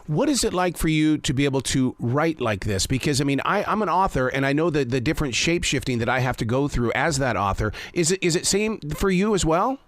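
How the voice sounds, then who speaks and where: A man's voice: a little high, expressive, a little fast, hardly any pauses, no echo. A man hosting a conversational interview in an effusive, admiring manner. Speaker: interview host, author.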